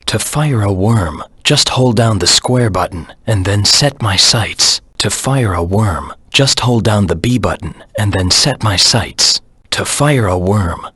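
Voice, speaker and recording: A man voicing a brooding, serious hedgehog antihero in a video game, with a low husky rasp and a measured, deadpan delivery. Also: no echo, studio quality. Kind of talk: scripted game tutorial voice acting.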